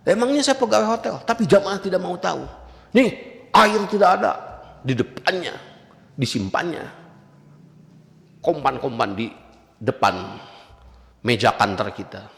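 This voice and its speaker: Gravelly preacher in a reverberant hall. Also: male voice, high-pitched, animated, normal speed, long pauses. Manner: conversational, frequent tag "ya", anecdotes with acted quotes. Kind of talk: religious lecture. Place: mosque or study hall.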